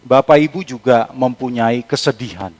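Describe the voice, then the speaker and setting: A man's voice: mid-range voice, moderate pace, darkish tone. A man preaching a sermon as pastor, talking conversationally and informally, with joking asides to the congregation. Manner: colloquial, informal. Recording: long hall reverb.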